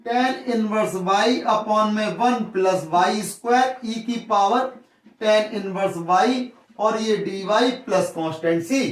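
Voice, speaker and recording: A man's voice: high voice, slow, distant mic. A man with a western Uttar Pradesh Hindi accent, working through a maths problem step by step as a teacher, talking casually to his viewers. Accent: Hindi as spoken in western Uttar Pradesh. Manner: talks through steps, addresses viewers as brother. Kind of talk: worked-solution lesson. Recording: roomy echo, off the mic.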